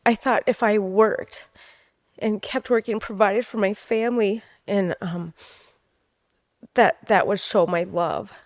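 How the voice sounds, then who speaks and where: A woman co-host who is emotional and near tears, speaking haltingly with frequent pauses. Her voice sits at a middle pitch. It is a dry recording with no echo. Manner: halting, many "um"s. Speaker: podcast co-host. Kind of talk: podcast interview.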